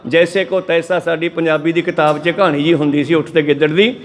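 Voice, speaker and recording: A Sikh preacher with a Punjabi accent and a fairly high voice gives katha, a storytelling sermon exposition, telling homely folk tales to his congregation. His intonation stays fairly even and his tone chatty and down-to-earth, though he acts out the quoted animals in quick, shifting voices.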